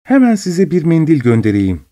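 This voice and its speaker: A man's voice: a little high, huge pitch swings, moderate pace, warm tone, pitched above the performer's own voice. Man doing singsong fussy hostess mother. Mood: sugary. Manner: singsong, sugary.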